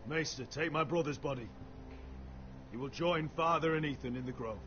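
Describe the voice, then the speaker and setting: An actor playing a resolute young lord of a besieged house in a fantasy game, grave and commanding. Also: male voice, fairly high pitch, moderate pace, a little hiss or hum, close to an everyday voice. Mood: grave, measured. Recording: muffled, music behind.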